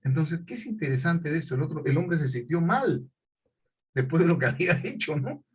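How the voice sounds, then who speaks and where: A man's voice: fairly high pitch, lively intonation, brisk, husky. A male teacher leading a conversational class, telling chatty anecdotes and correcting himself as he goes. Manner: chatty storyteller, self-correcting, laughs mid-story.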